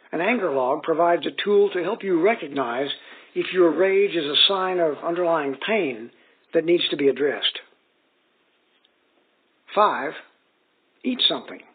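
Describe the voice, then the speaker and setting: A man reading magazine articles aloud in a steady, even scripted narration. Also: fairly high pitch. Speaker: article reader. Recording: tinny phone-like sound.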